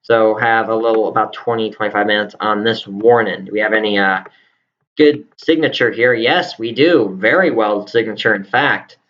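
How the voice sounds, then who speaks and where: A man's voice: on the low side, normal speed, fairly bright tone, dull audio. A man giving improvised live weather radar commentary as a storm forecaster, explaining things step by step and repeating key phrases for emphasis.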